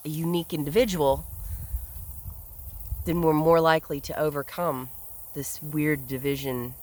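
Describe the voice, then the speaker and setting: A man's voice: a little high, fairly bright tone, poor audio. A man hosting a solo podcast, speaking in an earnest, reflective way and often repeating words as he thinks aloud. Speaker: podcast host. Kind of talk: solo commentary monologue.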